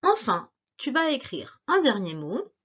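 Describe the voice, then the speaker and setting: Slow, lilting woman giving a dictation. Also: on the high side, wildly swooping pitch, a bit bright, husky, highs cut off. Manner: slow, carefully articulated, repeating each word. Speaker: teacher. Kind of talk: dictation lesson for young pupils.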